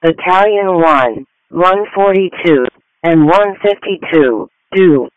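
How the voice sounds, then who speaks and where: A man's voice: high-pitched, takes it slowly, no echo. A male dispatcher announcing emergency calls in terse, formulaic phrases over a tinny radio channel.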